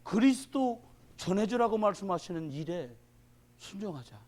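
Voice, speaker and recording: Man, 50s, pastor, sermon, high-pitched, very expressive, loud bursts and quiet asides. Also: moderate pace. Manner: animated, swings from shouting to muttering asides, plays out little scenes.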